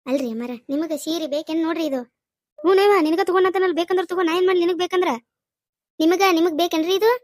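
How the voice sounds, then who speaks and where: A woman's voice: very high voice, steady tone, fast, a little mellow, no room sound. A woman voicing a bossy, exasperated village daughter-in-law with a North Karnataka accent in a cartoon comedy. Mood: loud, coaxing. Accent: North Karnataka Kannada. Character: busy village daughter-in-law shopping for a saree.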